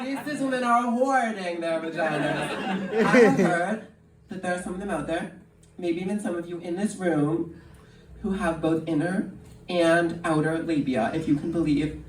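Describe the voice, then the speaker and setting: A woman performs a live stand-up set, deadpan and self-mocking, often breaking into laughter at her own lines. Her voice carries from a distance through an echoey room. Loud crowd laughter rises around her. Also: on the low side, moderate pace. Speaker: stand-up comedian. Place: live comedy venue.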